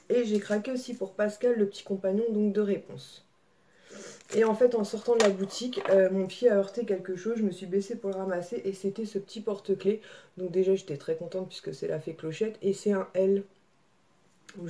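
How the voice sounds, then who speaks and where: A woman's voice: medium pitch, mellow. A woman, chatting casually in a haul vlog at home, with many fillers and a scratchy throat. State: slight throat irritation. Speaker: vlogger.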